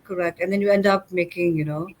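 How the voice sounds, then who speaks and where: A woman's voice: fairly low pitch, fairly even intonation, fast. A middle-aged woman hosting a casual interview chat, talking in a chatty way with many fillers and restarts. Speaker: host.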